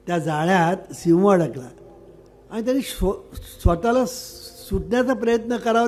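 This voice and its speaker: A man's voice: high-pitched, a little mellow. An older man, a spiritual teacher, giving a sermon-like discourse and telling a parable. He repeats key words and keeps asking whether listeners have understood.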